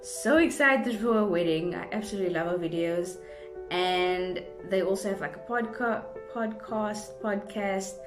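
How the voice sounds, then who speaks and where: Speaking at a moderate pace in a fairly low voice, a young South African woman gushes effusively as she rambles to her vlog viewers. Music plays beneath her, and the room gives an indoor echo.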